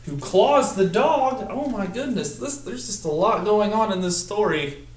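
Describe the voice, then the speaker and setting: A young student teacher reads a picture book aloud for practice, his high-pitched voice full of lively intonation. Deliberate and instructional, he lingers over the words and quizzes an imagined young audience. He sits at a table in a small indoor room, captured from a few feet away by a camera mic with a roomy echo.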